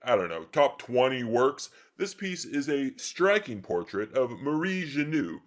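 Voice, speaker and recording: A man's voice: medium pitch, very animated, unhurried. A man giving a comedic art lecture in an earnest, slightly fussy lecturing manner.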